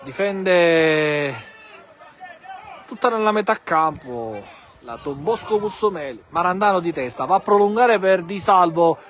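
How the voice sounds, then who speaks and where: A man giving live, excitable football play-by-play, bursting into shouts on chances and goals. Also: high voice, a little slow. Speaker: football match commentator. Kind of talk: live play-by-play goal commentary. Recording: crowd and music behind commentary.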